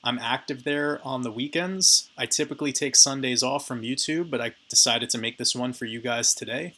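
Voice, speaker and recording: A man with a hoarse, raspy voice giving casual chart analysis commentary on crypto markets and addressing his viewers directly. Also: medium pitch, moderate pace, pushed and bright. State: hoarse, raspy voice from talking a lot.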